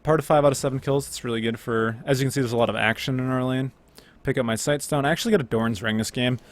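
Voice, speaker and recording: A man's voice: medium pitch, fast. Casual young man commenting on gameplay. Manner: relaxed, chatty, many fillers and self-corrections.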